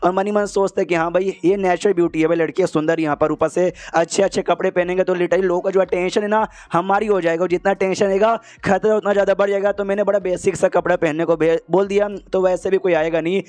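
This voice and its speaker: A man's voice: high-pitched, steady tone, quick pace, few pauses, a little mellow, dry recording. A man casually retelling a series episode in a chatty, conversational way. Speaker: story explainer. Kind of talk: casual story recap.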